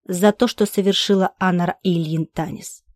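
Woman playing a cruel male interrogator, slow, menacing, mellow dark voice, dry sound. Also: on the low side, fairly even intonation, no echo, close to an everyday voice. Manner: slow, level, menacing delivery. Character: cold cruel male alien interrogator, commanding. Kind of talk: audiobook character voice.

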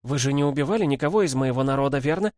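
A man voicing a fierce, desperate young village girl in a storybook reading, speaking high and urgently. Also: expressive, rapid-fire, a little mellow, no echo, studio quality, close to an everyday voice. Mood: wary.

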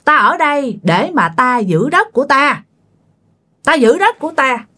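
A woman's voice: high voice, big pitch swings, measured pace, sharp tone, voice pushed up, heavily acted. A woman voicing a commanding demon lord who speaks through a possessed woman, in a stern, proclaiming tone.

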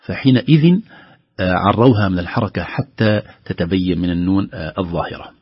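A middle-aged man teaching the rules of Quran recitation, patiently explaining and demonstrating words slowly and more loudly. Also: low-pitched, slightly rough, no echo, muffled recording.

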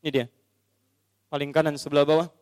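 Male preacher, high-pitched, storytelling sermon with acted scenes, recorded with a long hall echo. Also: flat delivery, fast, a little mellow, clear, resonant tone. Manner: storytelling, acts out scenes and quizzes the audience.

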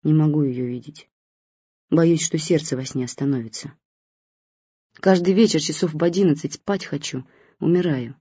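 A woman's voice: sits low, normal speed, pauses often, warm tone, breathy edge, dry recording. A woman narrating a first-person audiobook in a plain, dry, weary manner. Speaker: audiobook reader. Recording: dull lo-fi recording.

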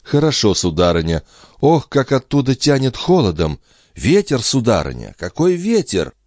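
A man's voice: medium pitch, wildly swooping pitch, moderate pace, a little mellow, dry recording, studio quality, voice pushed up. A man voicing a fussy, kindly young maidservant in a storybook, eager and servile.

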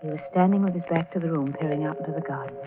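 A woman's voice: low voice, very fast, lightly acted. An actress playing a wistful, anxious, genteel woman in her thirties, in 1940s radio drama style. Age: 30s. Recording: tinny old radio recording with music.

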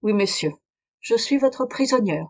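A woman's voice: mid-range voice, expressive, unhurried, darkish tone. A woman voicing a proud, dignified foreign woman. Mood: earnest. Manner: firm, earnest pleading. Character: proud exiled woman, dignified, confessing a crime.

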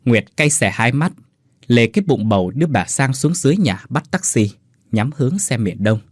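A man narrating a dramatic story in an expressive voice. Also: medium pitch, normal speed, no echo, studio quality.

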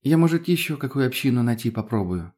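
A man's voice: mid-range voice, animated, quick pace, voice pushed up, close to an everyday voice. A man doing an earnest young woman. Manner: reasoning, gentle, earnest. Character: thoughtful, reasonable young woman.

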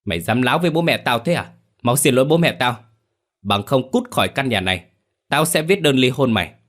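A man's voice: mid-range voice, animated, fairly quick, pitched above the performer's own voice. A man voicing a young husband who is violent, cold and cruel, threatening his wife. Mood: furious. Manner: shouting, threatening.

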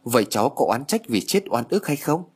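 A grave middle-aged exorcist master in an audio story, read by a man in his own voice, asking measured questions. His delivery is lively in pitch, with music playing beneath. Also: breathy edge.

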